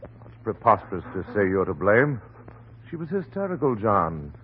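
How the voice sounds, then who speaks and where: An actor playing a steady, reassuring family doctor, earnest and firm, in an old radio horror drama. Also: male voice, fairly low pitch, moderate pace. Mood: soothing, firm. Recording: very muffled, noisy old radio recording.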